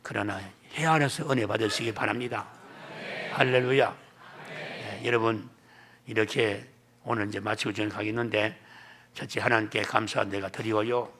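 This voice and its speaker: A man's voice: lowish voice, steady tone, moderate pace, fairly bright tone. An older man with a Gyeongsang accent preaching a revival sermon and prayer in a church, in a folksy, emphatic cadence. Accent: Gyeongsang Korean. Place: church sanctuary.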